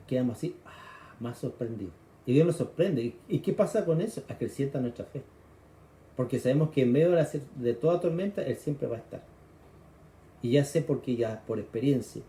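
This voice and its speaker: A man's voice: mid-range voice, mellow, echoey room. A man with a Chilean accent preaching a sermon, explaining scripture conversationally and acting out the cries of frightened people. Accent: Chilean Spanish.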